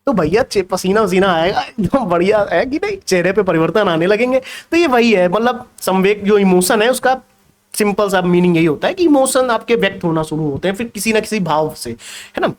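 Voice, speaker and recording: A young male teacher leads an online exam revision class with a fairly high voice. He teases his students, keeps asking whether they understand, and slips English terms into his explanations. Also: brisk. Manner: lively, teasing, mixes Hindi with English terms, asks students questions. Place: indoors with a laptop.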